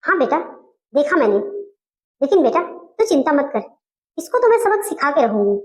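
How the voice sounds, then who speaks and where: Woman playing a bossy scheming saas, very high voice, scolds and whines, comedy skit. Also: very animated, normal speed. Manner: bossy, scolding, tearful complaining. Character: domineering scheming mother-in-law.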